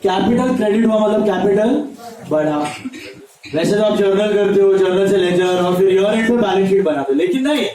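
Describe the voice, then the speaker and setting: A man's voice: sits high, fairly quick, crowd noise. A man teaching accounting to a class, mixing Hindi and English and constantly asking students to confirm they follow. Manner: repetitive questioning of students, checks understanding. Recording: echoey room, voice far from mic.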